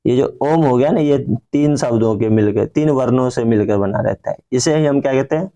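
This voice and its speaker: Man teacher, dark mellow voice, keeps asking the class questions and answering them himself. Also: mid-range voice, dull audio. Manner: repeats key points as questions to the class; drawn-out chanting of example words. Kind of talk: grammar lesson.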